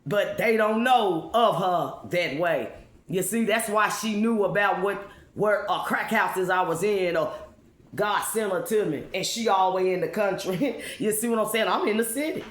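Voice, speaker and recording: A woman's voice: mid-range voice, normal speed. Woman, informal motivational testimony, emphatic repetition, rhetorical questions, echoey room recording. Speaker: spiritual speaker addressing followers.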